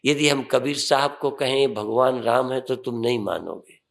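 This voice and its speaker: An older man, a swami, giving a sermon and guiding a meditation with calm instructions and rising emphatic phrases. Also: medium pitch, normal speed, vocal fry.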